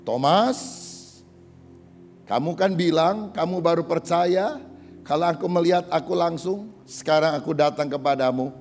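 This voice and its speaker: A male preacher voicing a gentle, patient man inviting a doubter to believe, in a reverberant hall. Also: a little high, lightly acted. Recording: reverberant hall with faint music.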